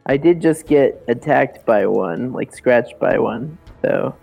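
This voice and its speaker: A man playing a tabletop game, hesitant and unsure of how the rules work. His voice is gravelly, with faint music in the background. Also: medium pitch, lively intonation, slow, darkish tone. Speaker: player.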